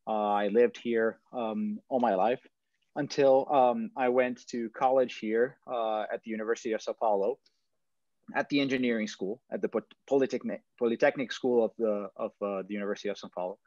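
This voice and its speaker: Through a webcam producing dull lo-fi audio with no room sound, a Brazilian man in his thirties, a startup founder, gives a presentation from home in front of a stone wall. He talks briskly with a mid-range, darkish voice and fairly even intonation, yet stumbles with many fillers and restarts.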